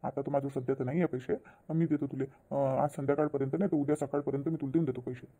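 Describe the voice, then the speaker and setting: A voice actor plays a gentle, trusting cartoon husband who calms and reassures his wife. The voice is dark and mellow, and the words tumble out very fast. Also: mid-range voice, lo-fi sound, natural voice. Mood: reassuring. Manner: soothing, reassuring. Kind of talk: cartoon voice acting.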